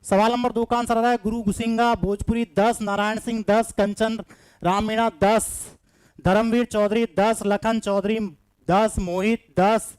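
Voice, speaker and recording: High-voiced coaxing male teacher. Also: level tone, measured pace, a little mellow, clean tone, no echo. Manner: coaxing, repetitive, reads out students' answers by name. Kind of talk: live online maths reasoning class.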